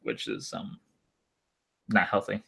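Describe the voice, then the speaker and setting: A young man with a fairly low voice talks off the cuff as a streamer. He rambles and hesitates, letting his sentences trail away in a loose, casual chat. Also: big pitch swings, slow pace, creaky, bright, forceful tone, breathy edge. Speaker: live streamer, former Marine.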